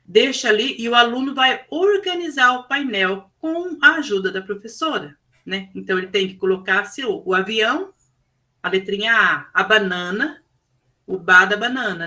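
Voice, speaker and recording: A woman's voice: mid-range voice, sharp tone, low-quality recording. A woman teacher with a Brazilian Portuguese accent, presenting her classroom project in an explanatory way with frequent fillers.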